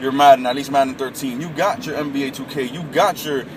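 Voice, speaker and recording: Animated man in his late twenties ranting. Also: medium pitch, quick pace. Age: late 20s. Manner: animated, says man and bro a lot, fillers. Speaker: gaming vlogger. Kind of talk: casual rant to camera. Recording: distant mic with loud traffic and air conditioning. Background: vehicle and urban noise.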